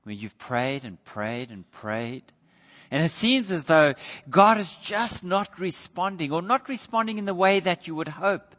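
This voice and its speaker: A man preaching a sermon, earnest, moving between quiet pleading and raised emphasis. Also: a little high, animated, unhurried. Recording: dull lo-fi sound with long hall reverb.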